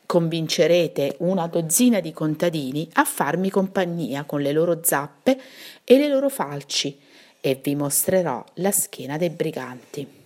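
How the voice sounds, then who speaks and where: A woman voicing a strong, brave and generous young knight in a bedtime story, confident and steady. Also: low-pitched, a little slow.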